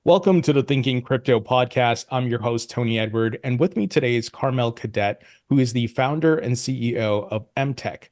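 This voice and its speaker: A man's voice: medium pitch, moderate pace, few pauses, a little mellow, dry recording. Man, podcast host, friendly, upbeat questions, dry close recording. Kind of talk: podcast interviewing and sponsor read.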